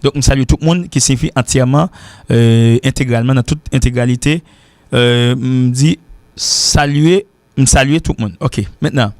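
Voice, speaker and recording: A man with a Haitian accent teaching an informal English lesson, who repeats words slowly to drill their pronunciation. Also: medium pitch, a little mellow, no echo. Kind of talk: informal lesson mixing French and Creole.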